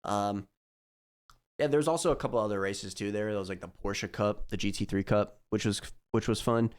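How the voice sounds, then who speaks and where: A young man hosting a casual chat, sick and raspy, relaxed and full of fillers, trailing off quietly. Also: fairly low pitch, normal speed. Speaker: podcast host.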